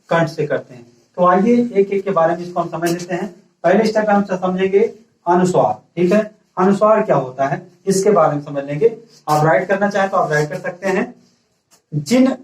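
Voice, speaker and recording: A high-pitched male school teacher gives a classroom grammar lesson, dictating slowly and steadily so students can take notes. He keeps saying "ठीक है" and poses questions to the class that he then answers himself. His voice is captured from far off the mic in a roomy, echoey space.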